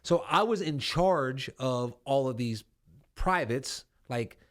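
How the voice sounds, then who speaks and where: A man's voice: medium pitch, expressive, slow. A man in his forties, a veteran podcast host, telling rambling, profane Army stories in casual chat. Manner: profane, rambling anecdotes with acted-out quotes.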